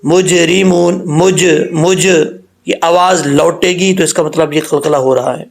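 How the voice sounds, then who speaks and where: A man teaching a Quran recitation lesson in a slightly high, gravelly voice. He walks through each rule patiently, step by step. He slows down to draw out the sounds so listeners can copy them. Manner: patient step-by-step explanation, slowing down to model sounds.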